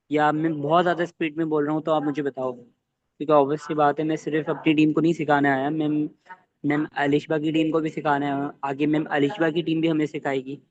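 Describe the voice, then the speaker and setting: A man leading an online training session for his team, talking fast and quizzing listeners with either-or questions. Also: fairly high pitch, darkish tone, lo-fi sound.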